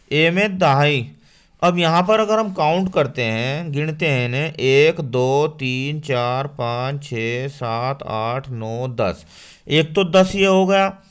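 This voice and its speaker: A man's voice: a little high, fairly bright tone, smooth. A man teaching a school maths lesson to children. He asks questions and answers them himself. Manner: addresses children directly.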